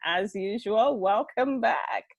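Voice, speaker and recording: A woman's voice: mid-range voice, slow, creaky, no echo. A woman hosts an interview podcast, greeting her listeners and introducing her guest with upbeat enthusiasm. Her voice is recorded close and dry, with no room sound around it. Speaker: podcast host.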